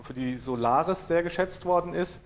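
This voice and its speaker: A man from giving a technical conference talk, dry in manner, hesitant with many fillers and frequent throat clearing. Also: a little high, moderate pace, slight background noise. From East Frisia, northern Germany. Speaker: conference speaker. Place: lecture room at a conference.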